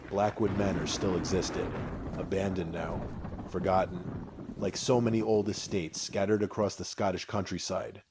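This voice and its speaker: Very deep-voiced man narrating horror. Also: darkish tone, a little hiss or hum. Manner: measured, solemn, short phrases with deliberate pauses. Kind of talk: scripted horror story narration in the first person.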